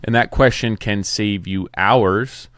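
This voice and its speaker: Plainspoken man in his forties, clear dry voice. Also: lowish voice, slow, fairly bright tone, dry recording. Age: 40s. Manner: plainspoken, conversational, some restarts. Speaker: podcast host, home builder. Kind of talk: casual solo podcast talk.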